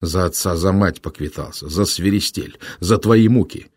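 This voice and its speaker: A man's voice: low voice, moderate pace, slightly rough, no echo, studio quality. A man voicing a grim young prince bent on vengeance, speaking sternly in an audiobook. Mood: earnest. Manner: stern, heavy-hearted speech. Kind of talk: audiobook character voice.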